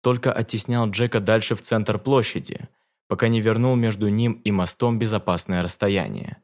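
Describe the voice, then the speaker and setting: A man narrating a fantasy audiobook in a measured, dramatic reading. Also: fairly low pitch, steady tone.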